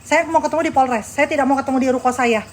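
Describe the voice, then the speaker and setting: A woman's voice: high-pitched, steady tone, fast talker, slight background noise. A woman vlogger outdoors in front of a house, filming herself on a phone as she angrily confronts a man and talks to her viewers. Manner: agitated, accusing, addressing viewers. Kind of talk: heated live confrontation.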